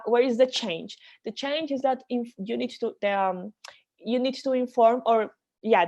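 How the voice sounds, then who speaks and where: A woman's voice: fairly high pitch, darkish tone, muffled recording. A woman leading an online training call, explaining rules step by step with frequent restarts.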